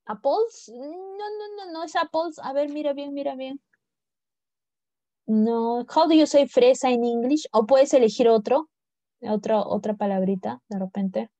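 Teaching an online primary English class, a patient woman coaxes her young pupils along, mixing Spanish with English and drilling their pronunciation. Her voice sits high with a dark tone and measured pace, with no echo.

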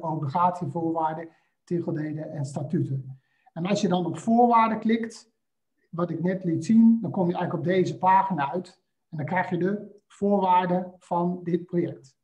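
Hesitant man giving a software walkthrough. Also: high-pitched. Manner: hesitant, frequent filler sounds. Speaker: presenter demonstrating software. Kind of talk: screen-share software walkthrough. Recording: slightly dull lo-fi audio.

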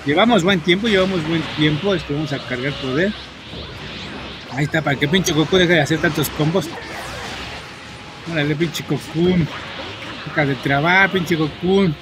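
Loud game music runs beneath this Mexican man's fairly high voice as he streams gameplay. Talking casually to his viewers, he wanders from point to point, fills each gap with "este" and swears at the game in sudden spurts.

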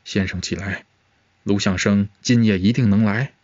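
A man reading a comic-book story voices a stern, anxious emperor who speaks low, slow and gravely. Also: no room sound. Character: stern, anxious male emperor, middle-aged. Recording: dull, muffled sound.

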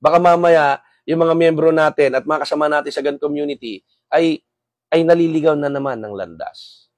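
A man's voice: a little high, moderate pace, darkish tone, dry recording. Earnest man preaching to viewers. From Samar, Philippines. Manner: earnest and preachy, repeating tag questions and "brothers" to the audience. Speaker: host of a gun-owner talk show. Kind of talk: live-stream talk to viewers, reading comments.

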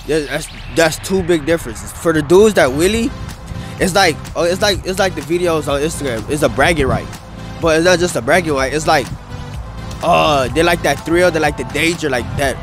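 The interviewee, a young adult wheelie rider, has a voice on the high side and talks at normal speed. Out on an open grass field near a city skyline, he rambles loosely with slang and plenty of "bro" and "dude" into the interviewer's handheld mic, while music plays beneath.

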